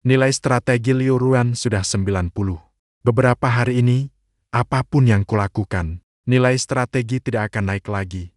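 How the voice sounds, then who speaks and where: A man reading a scripted story recap narration in an even, matter-of-fact way. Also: mid-range voice, normal speed, no echo, studio quality.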